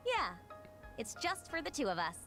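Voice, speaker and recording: A woman's voice: sits high, huge pitch swings, normal speed, over music, heavily acted. An actress voicing a cheerful, affectionate young woman who dotes on her older sister in a video game. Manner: bright, bubbly and affectionate.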